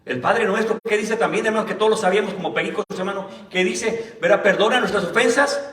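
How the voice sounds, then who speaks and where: A male pastor preaching a Sunday sermon. He keeps calling the listeners "brother" and reads the scripture slowly and deliberately. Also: sits high, a bit bright. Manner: tells personal stories in a plain conversational way. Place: church hall. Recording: roomy church hall, mic at a distance.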